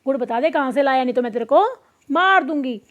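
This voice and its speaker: A woman's voice: sits high, animated, fast talker. A woman voicing a cunning, bossy female fox who threatens and scolds, in a plain storybook reading. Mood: threatening. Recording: dull lo-fi recording.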